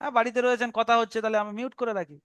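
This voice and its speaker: Fast, high-voiced man teaching online. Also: level tone, a bit bright, smooth, no room sound. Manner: drills pronunciation by repeating words. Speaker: Quran teacher. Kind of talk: online class instruction. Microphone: online call.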